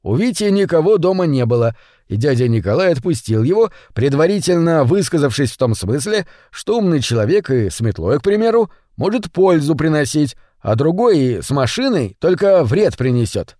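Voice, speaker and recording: A man narrating a children's story audiobook in an expressive storytelling manner. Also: on the high side, normal speed, dry recording, studio quality.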